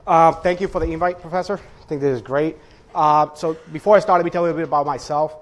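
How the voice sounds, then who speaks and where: A man's voice: on the high side, fairly even intonation, fast, slight background noise. A man with a Dominican-New York accent giving an earnest, rambling guest talk to a class about his job as a CAD and GIS manager. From Dominican Republic, raised in New York. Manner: earnest, rambling with many restarts.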